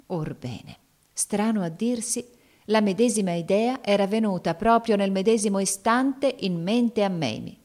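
A woman narrating a classic children's story in a measured, expressive reading style. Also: mid-range voice. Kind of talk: audiobook reading.

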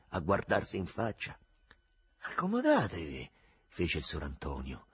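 A man narrating a novel aloud in an expressive audiobook reading. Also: lowish voice, husky, no echo.

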